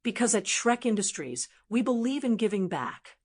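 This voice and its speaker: Woman doing a smooth-talking businessman speechifying. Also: very animated, normal speed. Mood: oratorical. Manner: booming, practiced warmth. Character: smooth, lying male businessman making a speech.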